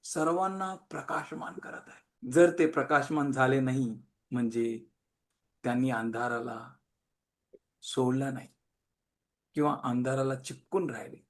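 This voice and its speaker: A man preaching a sermon, emphatic, swinging between loud and quiet and repeating phrases in long lists. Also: a little high.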